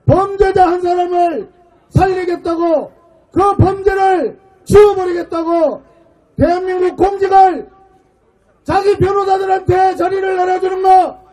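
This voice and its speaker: A middle-aged man, a party floor leader, giving a fiery speech at an outdoor political rally, shouting and firing rhetorical questions at the crowd. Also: extremely high pitch, fairly even intonation, unhurried, poor audio.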